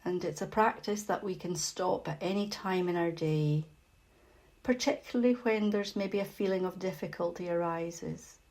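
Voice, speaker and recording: Leading a meditation session, a woman speaks in a lowish, soft voice, unhurried and gentle. She takes long pauses, and breathiness creeps in as each phrase ends.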